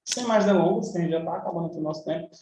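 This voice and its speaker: A man's voice: on the high side, rapid-fire, darkish tone, very echoey, distant mic, a little hiss or hum, low-quality recording. A man with a Brazilian Portuguese accent teaching an exam review lesson in a chatty, informal way, checking in with his students often. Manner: chatty, informal, frequent tag questions.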